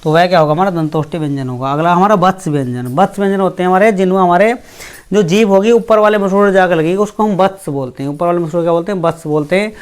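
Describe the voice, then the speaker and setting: A teacher giving a grammar lesson, who asks the class questions, answers them itself, repeats each point and slowly sounds out each letter. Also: mid-range voice, smooth. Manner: repeats points and fills with "theek hai".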